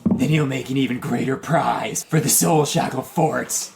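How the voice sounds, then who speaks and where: A man voicing a boastful male spine devil who yells threats as he circles in the air. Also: medium pitch, unhurried, vocal fry, very noisy, voice pushed up. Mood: gloating. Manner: yelling threats.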